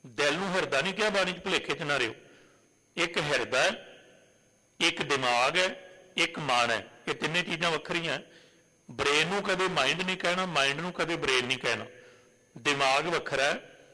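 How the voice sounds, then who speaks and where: A male preacher with a fairly high, very bright and forceful voice. He asks questions of the congregation, then draws out sacred verses in a slow chant. His voice rings with the long reverb of a big hall. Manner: poses rhetorical questions, then recites verses slowly and drawn out. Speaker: Sikh preacher. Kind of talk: sermon with recited scripture.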